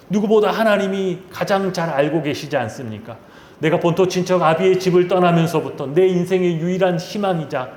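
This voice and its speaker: Brief: male preacher acting out an anguished old patriarch, lively pleading lilt, roomy church sound. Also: sits high, slight background noise. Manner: desperate pleading questions.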